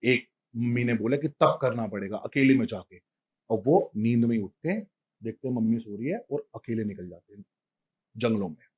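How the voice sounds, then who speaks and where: A man telling a devotional story in a lively, casual way, talking straight to a listener. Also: medium pitch, moderate pace, slightly rough, lo-fi sound.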